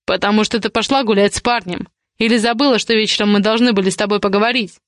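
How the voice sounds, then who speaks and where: A woman's voice: steady tone, dry recording, studio quality, close to an everyday voice. A woman reading the lines of an angry, possessive man, a domineering guardian, with curt commands. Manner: curt, commanding, low and slow.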